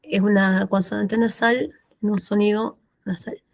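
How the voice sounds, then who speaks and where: With a mid-range voice, fairly even intonation and no room sound, a woman walks adult students through French pronunciation. She speaks Spanish with an Argentine accent, repeats words slowly and patiently, and often adds "¿sí?".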